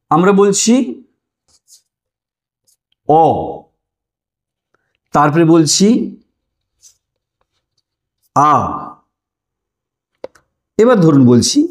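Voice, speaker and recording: A man's voice: fairly high pitch, darkish tone. A man teaching a lesson online, explaining step by step, drawing out sounds and asking listeners questions.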